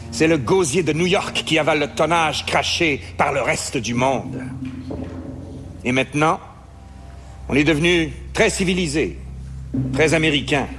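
An actor playing a reflective, wry immigrant lawyer who narrates a stage play in a measured, musing tone. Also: male voice, on the high side, fairly bright tone, a little hiss or hum. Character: reflective middle-aged Italian-born immigrant lawyer, wry. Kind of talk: theatrical stage monologue.

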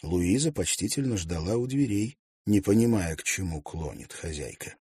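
A man narrating an audiobook in a calm, measured way. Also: low-pitched, slightly rough, no room sound.

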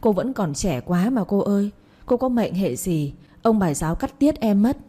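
A woman's voice: mid-range voice, sing-song, normal speed, dark tone, slightly rough. A woman voicing a timid young maidservant who wails and pleads with her master. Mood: wailing. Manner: wailing, pleading.

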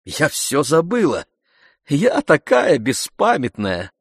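A man reading the part of a proud, quick-tempered young woman in a storybook, speaking raised and emphatic. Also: medium pitch, breathy edge, no room sound, studio quality. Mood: vexed.

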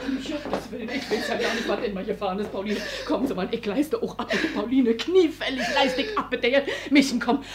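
Over a crowd in the background, a woman with a slightly high, expressive voice talks fairly quickly and barely pauses. She's lightly acting a 1950s radio-play role, a desperate and menacing middle-aged cleaning woman who shifts from coaxing to threats and mutters under her breath.

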